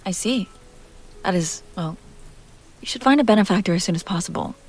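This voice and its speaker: In an intimate roleplay audio drama, a woman voices a refined, seductive vampire heiress, her mid-range voice soft, expressive and natural. She explains things politely in deliberate, genteel phrases, slipping into breathy, teasing asides that often sink to a whisper.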